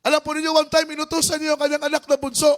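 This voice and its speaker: Filipino guy preaching, really high voice, flat sing-song drone, music playing faintly under him. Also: racing. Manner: fervent, repetitive refrains, rising to shouts. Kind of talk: sermon.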